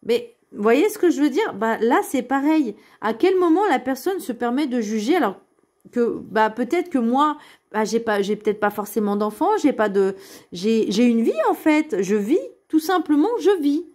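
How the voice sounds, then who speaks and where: Femme au ton sérieux et rassurant. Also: female voice, a little high, expressive, moderate pace, darkish tone. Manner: earnest and reassuring, addresses viewers directly, many hesitations. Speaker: card reader giving a weekly guidance. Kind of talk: spiritual card reading, casual monologue.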